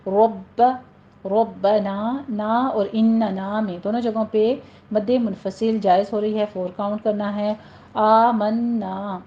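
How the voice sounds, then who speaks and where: A woman teaching Quran recitation rules step by step, then reciting the example words slowly and drawn out. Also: medium pitch, steady tone, lo-fi sound. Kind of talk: tajweed lesson with slow recited examples.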